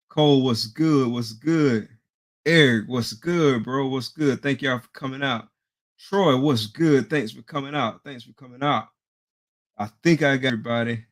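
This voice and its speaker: Man, live-stream host, slangy, hyped, greets chat by name. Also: medium pitch. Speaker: podcast host. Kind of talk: live-stream show hosting.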